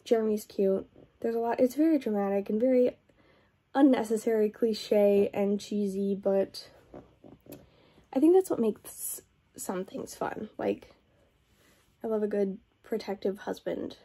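A woman's voice: mid-range voice, a little slow, long pauses, warm tone, breathy edge. A woman book vlogger in a casual review chat, retelling a plot in a rambling way and saying "like" often.

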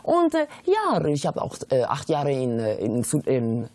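A woman's voice: rumbling low, wildly swooping pitch, unhurried, a little mellow, no room sound. A middle-aged woman from Sudan, chatting casually as a guest cook in a TV studio kitchen, breaking off mid-sentence and dropping in foreign words. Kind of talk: casual chat while cooking on TV.

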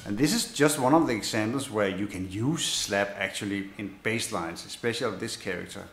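A man giving a bass lesson, explaining in a halting way with many fillers and restarts and counting beats aloud. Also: over loud music. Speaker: bass teacher. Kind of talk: instrument lesson demonstration. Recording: roomy echo with loud bass playing.

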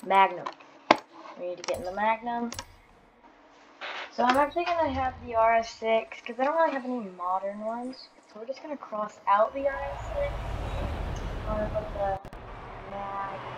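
Over the roar of racing game engines, a woman hosting a gaming channel gives relaxed commentary in a scratchy, just-woke-up voice. She sounds tired yet animated, pitched on the high side, speaking at a moderate pace with long pauses while musing aloud and counting down launches.

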